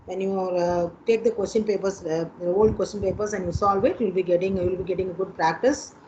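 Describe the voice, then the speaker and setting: An engineering lecturer with an Indian accent coaches students for an exam in an online class, repeating her points and checking in with them often. Her voice is fairly low and warm, with fairly even intonation and a fast delivery. The call recording sounds dull and lo-fi, with noise.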